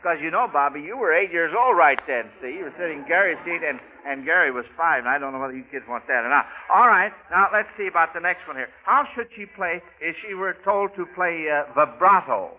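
Heard over a narrow-band old radio broadcast, an American quizmaster for kids speaks with a high, expressive voice, briskly and with few pauses. His manner is folksy and hesitant, full of chuckles and repetition.

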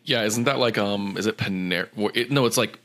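A man's voice: fairly low pitch, fairly quick, a bit bright. A man co-hosting a casual comedic chat show with a campy, sassy, drag-queen-like delivery full of playful slang. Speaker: podcast co-host.

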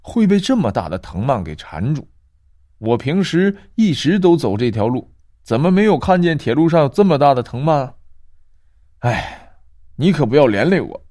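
A man voicing a stubborn old village grandmother, speaking a little lower and softer and grumbling as she scolds. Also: very animated, moderate pace, breathy edge, dry recording, clean studio sound. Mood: scolding.

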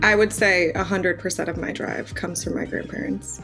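A young lawyer in her twenties, a native Armenian speaker, answers interview questions as a guest, candid and earnest and using fillers. Her voice sits on the low side with fairly even intonation at a normal speed, and music plays beneath her.

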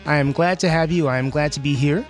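Male radio sidekick, fairly high register, natural unscripted banter, informal and easygoing, light music behind. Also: quick pace. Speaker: radio show guest and co-host. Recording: music playing under the voice. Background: background music.

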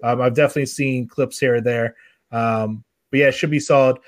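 A man's voice: medium pitch, steady tone, brisk, no echo, clean studio sound. A man from New Hampshire hosting a casual live show, talking in an easygoing way with hesitant fillers. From New Hampshire, USA. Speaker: livestream host. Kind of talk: casual chat.

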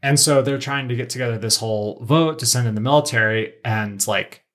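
A man with a bright, forceful tone chats through a plot recap as a podcast co-host. His delivery is breezy and jokey, with a loose conversational flow. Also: mid-range voice, fairly quick. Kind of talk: casual recap chat.

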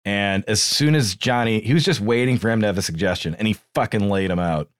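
A man co-hosting a podcast in casual chat, telling profane, animated stories and mimicking people. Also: on the low side, brisk. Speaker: podcast co-host.

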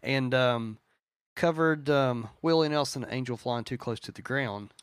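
A man's voice: medium pitch, measured pace, smooth, dry recording. A man co-hosting a podcast, chatting eagerly about music with lots of fillers and restarts. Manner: enthusiastic, rambling with fillers. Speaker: podcast co-host. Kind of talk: casual music chat.

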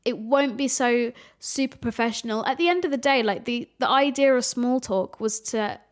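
A woman's voice: a little high, normal speed. Chatty nasal young woman podcaster. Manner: chatty, relaxed, unpolished. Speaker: podcast host. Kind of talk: casual solo podcast chat. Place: home room with changing sunlight. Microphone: camera setup, recorded for video.

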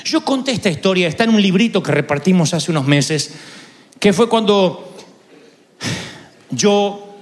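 A man's voice: high voice, animated, unhurried, pauses often. A man preaching with an Argentine accent, telling a funny personal story and playfully acting out the voices in it. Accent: Argentine Spanish. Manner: playful, acts out voices in anecdotes. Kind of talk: humorous storytelling sermon.

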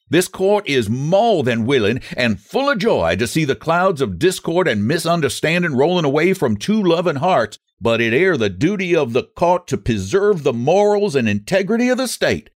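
A man's voice: on the high side, big pitch swings, moderate pace, hardly any pauses, no echo, clean studio sound, voice pushed up. A man voicing a pompous old backwoods justice of the peace who declaims legal phrases in country dialect, in a storybook reading.

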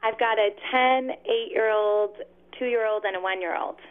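High-voiced caller on a bad phone line. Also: female voice, normal speed. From Canada. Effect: bad phone connection. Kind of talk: casual call-in chat. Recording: tinny, patchy phone line.

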